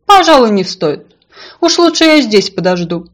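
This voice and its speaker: A woman's voice: on the high side, normal speed. A woman doing a sly, self-important fish. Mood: bargaining. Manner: calm, unflappable, sly.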